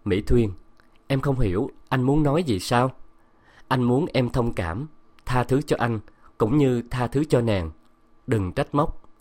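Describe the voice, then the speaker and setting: A man reading the lines of a remorseful middle-aged husband, soft and earnest. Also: medium pitch, animated, a little slow, long pauses. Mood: pleading.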